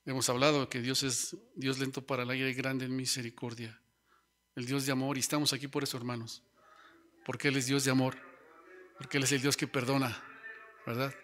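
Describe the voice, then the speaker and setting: A man's voice: medium pitch, little pitch movement, brisk, pauses often, a bit bright. A man preaching a Bible sermon who speaks to his listeners as brothers and keeps tagging his lines with rhetorical questions.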